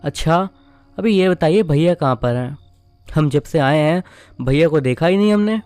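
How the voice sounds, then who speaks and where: A man's voice: a little high, lively intonation, normal speed, darkish tone, clear, resonant tone, no room sound, soft background music, close to an everyday voice. A man voicing young woman back from abroad. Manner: affectionate, chatty and puzzled.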